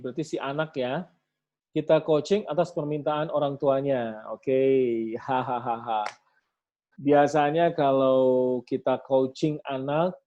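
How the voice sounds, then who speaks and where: A middle-aged man coaching parents in an online class, lively and acting out shouts and counts as he teaches. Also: medium pitch. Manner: animated, acts out shouts and counts while teaching. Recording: dull lo-fi audio.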